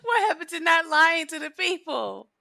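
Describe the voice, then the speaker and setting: Woman, about 30, podcast guest: bright, high-ish, giggly and self-deprecating, dry close mic. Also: sing-song, moderate pace, gravelly, no room sound. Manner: laughs often, chatty and self-mocking. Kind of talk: casual chat.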